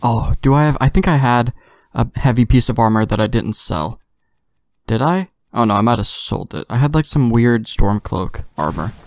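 This let's play host has a medium-pitched, lively voice and a moderate pace, recorded at studio quality with no room sound. He rambles casually about the game, thinking out loud with the occasional mild curse, while game music plays faintly underneath.

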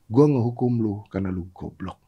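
A man playing a calm, stern lion king. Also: lowish voice, husky, muffled recording. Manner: measured, stern.

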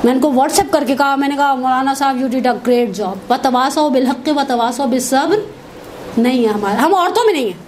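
A woman gives a religious lecture in a high, light voice. She talks conversationally and drops in personal asides between recited Arabic quotations. A faint hum sits behind her. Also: moderate pace, a little mellow. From Pakistan.

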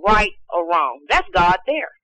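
A man's voice: sits high, big pitch swings, unhurried, bright, forceful tone, poor audio. A man calling in to a show as a caller, speaking in an insistent, earnest, preaching way. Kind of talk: call-in debate, preaching.

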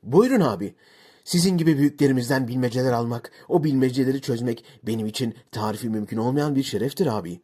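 A man acts out a meek male underling from a comic shadow-play skit. The voice is husky and mid-pitched. He is obedient and lays on the deference thickly. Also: fast, mellow, lightly acted. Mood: humbly deferential.

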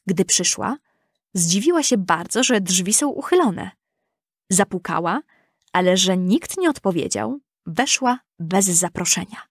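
A woman's voice: mid-range voice, lively intonation, a little slow, slightly rough, dry recording, clean studio sound. Woman narrating a children's story.

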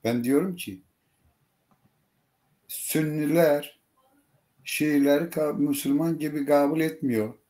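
A man with a somewhat high voice debates live in broken, halting Turkish. He is a native Azerbaijani speaker with an Azerbaijani accent, and he circles back over his phrases. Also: mellow. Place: online group call, camera off.

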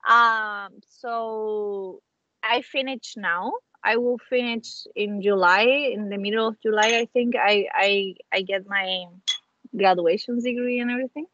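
Speaking from a small room at home, the young Chilean actress chats casually as a guest over a video call in English, her second language, with a Chilean Spanish accent. Her medium-pitched, fairly bright voice is a little slow and fairly even in intonation. She often restarts phrases while searching for words, and her wireless earbuds give dull, lo-fi call audio.

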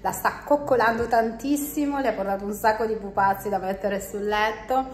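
A woman's voice: mid-range voice, steady tone, moderate pace, slight background noise. Caring Italian-speaking mother, echoey room. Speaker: mother and vlog host. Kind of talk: casual family vlog chat. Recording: echoey room with music behind.

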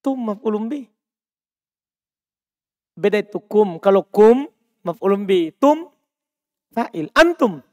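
A man's voice: high voice, lively intonation, slow, pauses often, no echo. A man teaching an Arabic grammar reading class, quizzing students by name and explaining patiently. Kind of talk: classroom text-reading lesson. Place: mosque study circle.

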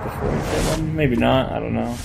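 A man's voice: mid-range voice, fairly even intonation, fairly quick, vocal fry. A man co-commentating on a let's play in a playful, casual, joking way. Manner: playful, jokey. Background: game music.

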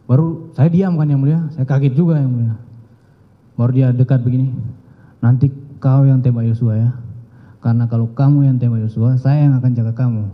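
A man testifying as a witness in court, speaking haltingly and deferentially, often addressing the judge. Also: mid-range voice, long reverb tail, narrow, tinny audio.

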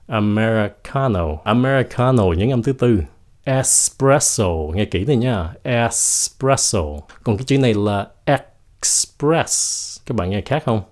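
A man whose first language is Vietnamese, teaching English pronunciation in a casual video lesson, slowly and deliberately demonstrating each word. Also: medium pitch, darkish tone. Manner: slow, deliberate demonstration of words.

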